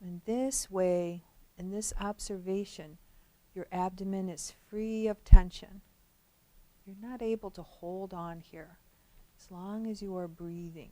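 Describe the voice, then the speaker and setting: In a medium-pitched, steady voice, a female meditation instructor guides a relaxation exercise. She speaks gently and slowly, pausing at length between phrases.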